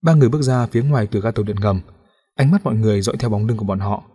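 Low, husky male audiobook narrator. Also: rapid-fire, warm tone. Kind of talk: scripted narration of a novel.

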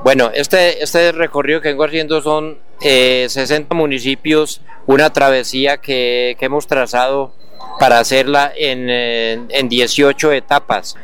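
Radio guest: Antioquian man, flat delivery, very crisp clear tone, earnest. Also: mid-range voice. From Colombia. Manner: earnest, halting, grateful. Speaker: guest, wheelchair traveler. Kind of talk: radio interview.

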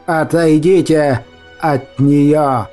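A man's voice: fairly high pitch, fairly even intonation, extremely slow, mellow, faint music behind. A man voicing a stern old witch. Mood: commanding. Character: old female witch, stern yet tender. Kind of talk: audiobook character voice.

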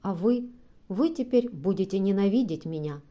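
A desperate young woman pleading in a tearful, imploring voice, as a female narrator reads her in an audiobook. The sound is mellow and warm, not bright. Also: medium pitch, expressive, moderate pace, lightly acted. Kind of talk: audiobook reading.

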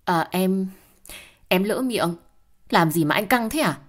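A woman voicing a spiteful, sharp-tongued young mistress who snaps and sneers in an audio story. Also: animated, slow pace. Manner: snide, shrill.

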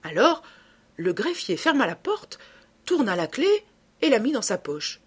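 A woman narrating a classic novel as an audiobook in a steady, expressive reading. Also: a little high, a little slow, slightly rough.

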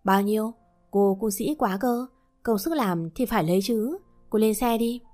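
A man's voice: sits high, normal speed, darkish tone, soft background music, natural voice. A woman voicing a curt, impatient young man. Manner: blunt, impatient, scolding.

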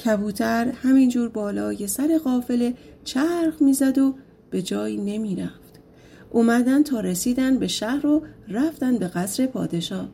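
A woman's voice: fairly high pitch, gravelly, warm tone, a little hiss or hum. A woman narrating a folk tale audiobook in a casual, colloquial storytelling manner.

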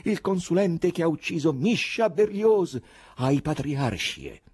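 An actor playing a frantic young male poet who shouts and raves in desperation, with a husky voice. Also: low voice, normal speed, no room sound. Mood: frantic shouting.

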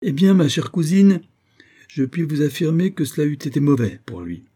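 A man's voice: fairly high pitch, expressive, moderate pace, warm tone, breathy edge, pitched above the performer's own voice. Man reading as a firm, self-assured colonel. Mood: earnest.

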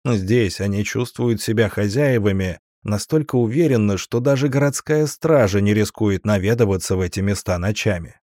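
A man reading an audiobook, voicing a sharp-tongued young woman who is quick to anger and often speaks in a tense, hushed whisper. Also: lowish voice, dry recording, studio quality, lightly acted. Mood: warning. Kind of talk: audiobook character voice.

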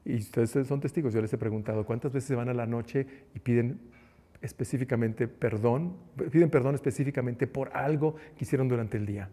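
A man's voice: mid-range voice, a little fast, warm tone, breathy edge. A man preaching a conversational sermon who acts out the quotes he tells. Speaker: preacher and teacher.

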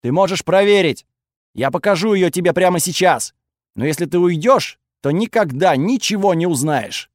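Man voicing a calm, coaxing young hero. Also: on the high side, brisk, no room sound, clean studio sound, close to an everyday voice.

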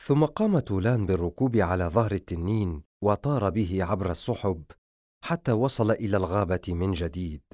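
A man's voice: low voice, lively intonation, brisk, dark tone, no echo, clean studio sound. A man narrating a fantasy novel as an audiobook, telling the story expressively.

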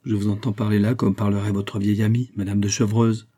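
A resolute young king from a read-aloud novel holds the room with firm, commanding speech. A man voices him in his own low, dark, husky register, lifted only a little for the royal lines. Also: flat delivery, fairly quick, close to an everyday voice.

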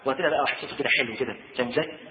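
A man's voice: medium pitch, very fast. A man with an Egyptian accent giving a colloquial religious lesson, chatty and full of rhetorical questions. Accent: Egyptian Arabic. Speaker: preacher. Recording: tinny lo-fi roomy recording.

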